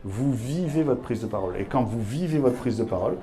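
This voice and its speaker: A man's voice: mid-range voice, animated, fairly quick, warm tone. A man giving a live masterclass to business leaders on a handheld microphone, emphatic and repetitive, speaking straight to his audience. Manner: emphatic teacher, repeats key words, addresses audience directly.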